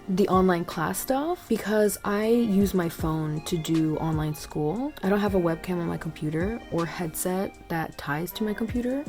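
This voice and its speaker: A young woman who vlogs as a student rambles casually with fillers in a room under her loft bed, her phone camera propped on the couch. She speaks in a lowish, slightly mellow voice.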